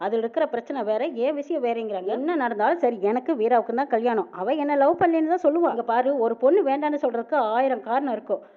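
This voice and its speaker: Fast-talking woman retelling a serial, phone-like sound. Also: sits high. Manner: rapid, with a reporting tag after each quoted line. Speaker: serial recap narrator. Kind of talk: fast retelling of a TV serial episode, quoting every character. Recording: narrow phone-like band.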